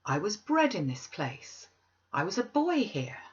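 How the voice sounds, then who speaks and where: A woman's voice: mid-range voice, big pitch swings, a little slow, lo-fi sound, voice pushed up. A woman voicing a startled, pleading old man with emphatic exclamations in a storybook reading. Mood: fervent wonder.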